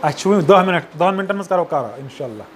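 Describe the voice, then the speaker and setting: A man's voice: high voice, expressive, fast, slight background noise. A man giving a sociology lecture, often checking that students follow and mixing in English phrases. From Kashmir. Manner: checks understanding with repeated tag questions, mixes in English phrases. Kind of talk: classroom lecture.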